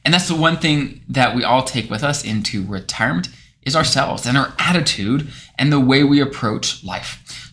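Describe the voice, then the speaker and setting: A man's voice: medium pitch, fairly bright tone. A man hosting his channel as a financial planner, telling a story in casual talk to camera, with restarts.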